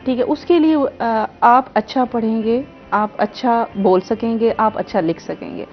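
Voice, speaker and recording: A woman's voice: fairly high pitch, measured pace. A woman with a Pakistani Urdu accent, a guest librarian earnestly explaining her points on a talk show. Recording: slightly dull broadcast audio with faint music.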